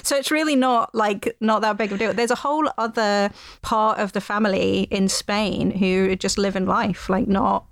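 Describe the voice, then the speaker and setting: A woman's voice: medium pitch, fairly even intonation, normal speed, creaky, dry recording, clean studio sound. A woman co-hosting a history podcast, chatting in an enthusiastic, casual way with plenty of fillers. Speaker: podcast co-host. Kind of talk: casual chat.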